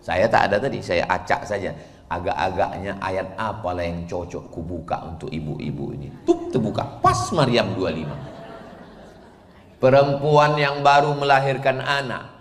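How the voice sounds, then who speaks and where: A man preaching a sermon to an audience, teasing and questioning them in a lively back-and-forth. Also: lowish voice, moderate pace. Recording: echoey hall, long reverb.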